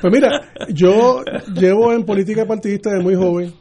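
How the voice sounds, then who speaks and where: Puerto rican guy on the radio, high voice but mellow, keeps stumbling and restarting. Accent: Puerto Rican Spanish. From Puerto Rico. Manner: earnest, halting with many restarts. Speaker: mayoral candidate guest. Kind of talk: radio interview.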